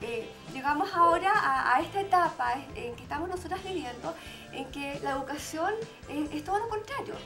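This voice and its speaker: A high-voiced woman holds forth on a TV talk panel and keeps asking her co-hosts to agree. Clear music plays under her voice in the studio. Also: lively intonation, brisk. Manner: explanatory, with frequent "¿cierto?" tags. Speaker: panelist speaking on parenting. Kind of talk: casual TV panel chat.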